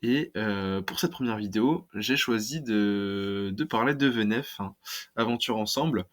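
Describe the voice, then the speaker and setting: Hesitant man with a lowish voice. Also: unhurried. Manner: hesitant, many fillers. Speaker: card collecting YouTuber. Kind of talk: casual video talk.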